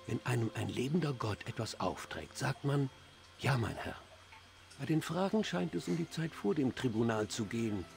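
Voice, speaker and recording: A man playing an anxious, devout dark-elf priest in a fantasy game, speaking formally and earnestly. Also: mid-range voice, expressive, moderate pace, vocal fry. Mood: formal, reverent. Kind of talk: fantasy game dialogue acting.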